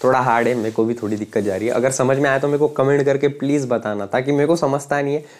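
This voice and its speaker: A man's voice: mid-range voice, fast talker. Man teaching, checking in constantly. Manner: repeats "ठीक है?" checks often, explains with everyday examples. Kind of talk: explanatory lecture. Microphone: speaking to camera.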